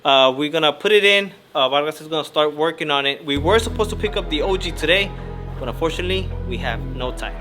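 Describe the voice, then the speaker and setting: A man's voice: a little high, lively intonation, fast, music in the background. A man, a little out of breath, showing viewers around his shop in a laid-back vlog, dropping Spanish words and calling out to "guys". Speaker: channel host. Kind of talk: casual vlog talk. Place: his auto parts shop.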